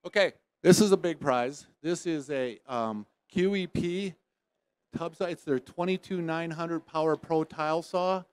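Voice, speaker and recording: A man's voice: on the high side, measured pace, clean tone, no echo. Teasing trade-show emcee man. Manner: teasing, playful, loud bursts of excitement. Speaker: host drawing prize winners.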